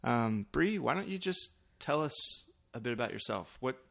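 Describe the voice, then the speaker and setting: A man hosting a podcast in a casual, explanatory way, with halting, thoughtful phrasing. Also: medium pitch, big pitch swings, vocal fry, a bit bright. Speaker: podcast host, church pastor.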